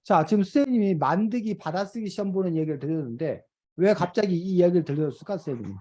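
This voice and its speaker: Teacher on a video call with kids, patient, keeps asking questions, middle pitch. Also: animated, quick pace, warm tone. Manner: patient, asks children questions. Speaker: reading and writing teacher. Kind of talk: online video class with children.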